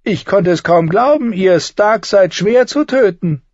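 Man putting on a raised high voice, sardonic small nobleman, cool and mocking, husky, slightly dull audio. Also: expressive, measured pace, darkish tone, no room sound.

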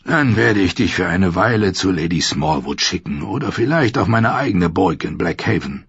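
A man voicing a calm, solemn knightly lord in an audiobook, measured and steady. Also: deep voice, slightly rough, dry recording, highs cut off, full character voice.

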